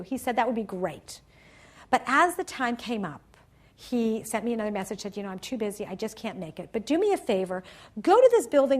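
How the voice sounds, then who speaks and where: A woman lecturer giving an upbeat motivational talk on stage, telling a story and laughing at her own punchlines. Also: a little high. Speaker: university lecturer.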